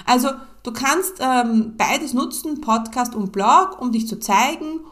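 A woman's voice: fairly high pitch, animated, measured pace, a bit bright. A middle-aged woman hosting her podcast alone at a home mic, talking casually with lots of fillers and "ja" tags. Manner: chatty, many fillers and "ja" tags. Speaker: podcast host and business coach. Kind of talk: casual solo podcast talk.

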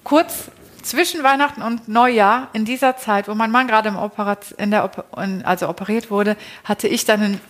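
A woman speaks as an interview guest, recounting her life in a loose, conversational way. Her pitch sits in the middle range. She often breaks off and restarts her sentences, and she keeps checking in with small tag questions. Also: a little fast. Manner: chatty, frequent tag questions and self-restarts. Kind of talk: casual personal storytelling.

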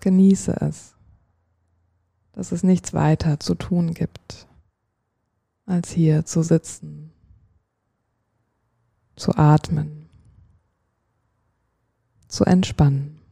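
Very mellow, slow sleep-story narrator. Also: mid-range voice, vocal fry, slightly rough, no echo. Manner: calm, soothing, unhurried sleep-story delivery with long pauses. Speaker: guided relaxation narrator. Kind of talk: slow guided meditation, dream journey narration like a sleep story.

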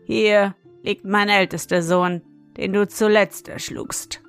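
A scheming, ancient witch of a fairy tale, cold and taunting, slow in her speech, played by a woman reading aloud. She turns shrill and pleading when cornered. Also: fairly even intonation, faint music behind. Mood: menacing.

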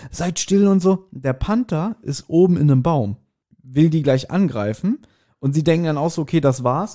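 A man co-hosting a podcast, casually retelling a story's plot in a relaxed chat. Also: fairly high pitch. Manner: retells the plot with quoted lines. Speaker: podcast co-host.

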